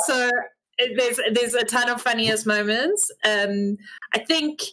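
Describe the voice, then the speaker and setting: A woman's voice: a little high, slow pace, bright, forceful tone, low-quality recording. A South African woman who runs a tabletop game, chatting enthusiastically about funny moments. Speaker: game master. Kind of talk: casual chat.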